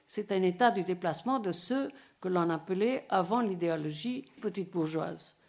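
This is a formal lecture by an older woman from India who grew up speaking Bengali. She reads dense prepared material aloud, interrupting herself with halting English asides, in a gravelly voice on the low side.

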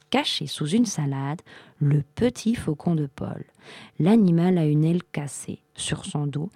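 A woman narrating a children's storybook in an expressive, lively storytelling manner. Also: low-pitched, breathy edge, dry recording, clean studio sound.

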